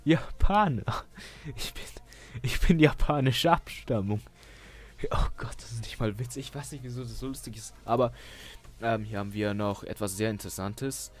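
A man's voice: mid-range voice, normal speed. A young man rambling through casual screen-share commentary, hesitant, with frequent restarts and laughs at his own jokes. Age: young adult. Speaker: YouTuber. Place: small bedroom at a desk. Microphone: headset. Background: faint background music.

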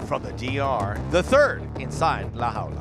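A man's voice: medium pitch, big pitch swings, moderate pace, over music. A man giving live sports commentary as the lead commentator at a fight.

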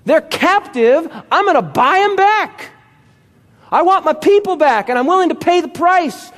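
A preacher voicing God, high and forceful. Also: male voice, expressive, a little slow, in a large hall, exaggerated voice. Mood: resolute. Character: God, commanding and determined, male.

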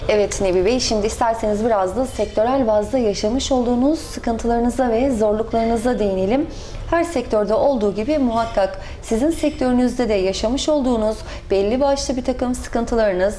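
A woman's voice: fairly high pitch, moderate pace, mellow, a little hiss or hum. A young woman interviewing a restaurant owner, asking formal, courteous questions, recorded on a lapel mic in a restaurant dining room.

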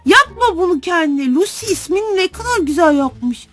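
A woman's voice: very high voice, big pitch swings, normal speed, a bit bright, faint music behind. A woman giving casual gameplay commentary as a channel host, gushing and exclamatory, talking to her viewers like friends.

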